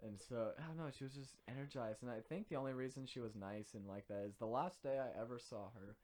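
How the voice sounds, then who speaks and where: A young man from Washington state, co-hosting a podcast, telling stories in a casual, animated way and swearing freely. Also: mid-range voice, quick pace. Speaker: podcast co-host. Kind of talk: casual chat.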